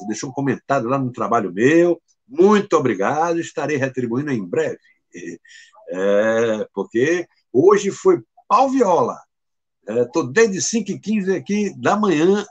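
A man with a husky, breathy voice that sits high for a man hosts a casual live stream. He talks in a chatty, teasing way, greets viewers one by one and laughs easily. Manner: chatty, greets viewers by name and reads their comments; teasing and playful, quick to laugh.

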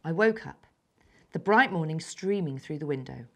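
A schoolgirl of about ten from England, reading aloud her own story with careful, even delivery and soft, breathy moments. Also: deep voice, normal speed. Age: child, about 10. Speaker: young story author.

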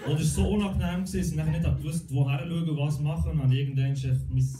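Swiss German comedian, deadpan stand-up. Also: male voice, a little high, fast, far from the mic, background noise. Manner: deadpan, self-mocking, acts out voices. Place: comedy club stage. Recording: roomy club with loud crowd and music.

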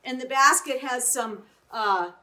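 A woman's voice: high voice, a little slow, sharp tone. A middle-aged woman chef giving an upbeat cooking demonstration in a home kitchen, often checking in with "right?".

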